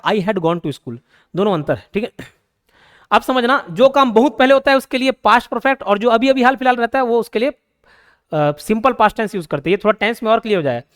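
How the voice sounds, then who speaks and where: A young man with a Hindi accent teaching grammar, explaining patiently, repeating key points and reading English example sentences slowly. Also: high voice, a bit bright. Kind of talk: grammar lesson.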